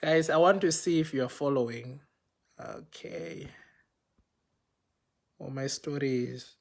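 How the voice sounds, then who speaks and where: A man casually tells viewers a personal story, acting out the dialogue in an animated way and leaning on fillers like "you know" and "okay." His voice is mid-range and slow.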